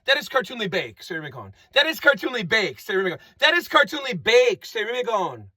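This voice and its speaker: A man's voice: high voice, big pitch swings, fairly quick, bright, forceful tone, no echo. A man giving a rambling comic monologue, repeating phrases and playing with made-up words. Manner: rambling, repetitive, playful wordplay.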